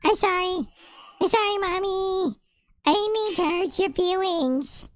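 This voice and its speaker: A man's voice: very high-pitched, measured pace, dry recording. A man voicing a bratty, giggling little boy who taunts and whines in a comedic game video. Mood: whiny. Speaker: gaming video creator. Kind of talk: comedic game role-play.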